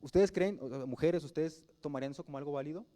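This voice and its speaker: Pastor preaching, mellow Mexican voice. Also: male voice, fairly high pitch, fast talker. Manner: conversational preaching, rhetorical questions to the congregation. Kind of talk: sermon.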